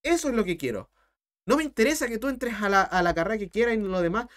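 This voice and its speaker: A man's voice: high voice, expressive, a bit bright. A young man in his twenties with a Chilean accent, a math tutor talking bluntly and passionately to his livestream chat. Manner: blunt, impassioned, talks fast.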